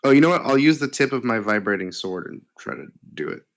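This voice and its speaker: A man playing in a tabletop game, asking quick, offhand questions in casual chat. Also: medium pitch, lively intonation. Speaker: player.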